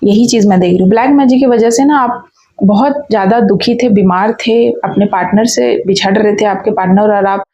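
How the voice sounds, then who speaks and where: A woman reads tarot cards for her viewers in a mid-pitched voice. She talks emphatically, circling back and repeating phrases. The recording sounds slightly dull and muffled. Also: a little fast, mellow. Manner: emphatic and repetitive, often restarting phrases. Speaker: tarot reader. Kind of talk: tarot reading spoken to viewers.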